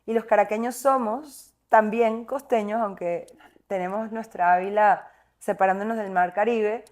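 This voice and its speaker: She is a young singer from Caracas with a Venezuelan accent, giving a thoughtful, meandering interview peppered with fillers and restarts. Her darkish mid-range voice keeps a steady tone at normal speed.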